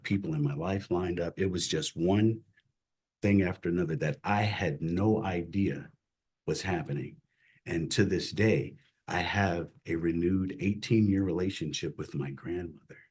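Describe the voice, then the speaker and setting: A middle-aged man, a chaplain, telling his personal faith story as an interview guest in an earnest, emotional way that drops to a hush at hard moments. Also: low-pitched, moderate pace, husky. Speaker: chaplain and CPE director, guest.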